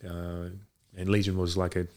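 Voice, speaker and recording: A man's voice: deep voice, completely flat delivery, moderate pace, darkish tone. A man in a casual chat as a guest, talking in a hesitant, rambling way. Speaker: podcast guest, boxing coach. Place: home garage.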